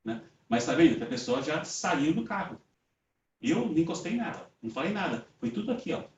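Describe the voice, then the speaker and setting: A man's voice: fairly high pitch, very animated, a little fast, a little hiss or hum. A man with a Brazilian Portuguese accent gives a conversational lecture to a group. He tells stories casually, acts out the dialogue he reports, and often ends phrases with a tag question. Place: meeting room with an audience. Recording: roomy, distant, dull lo-fi sound.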